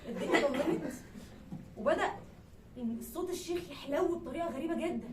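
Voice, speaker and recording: A young woman with an Egyptian accent telling a comic story at a live event, animated and laughing through her words. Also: sits high, quick pace. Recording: echoey room, distant mic, background noise.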